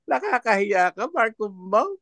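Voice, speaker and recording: A man's voice: sits high, big pitch swings, unhurried, fairly bright tone, dry recording. A man commenting as a panelist in an online discussion, mocking and laughing often between his points.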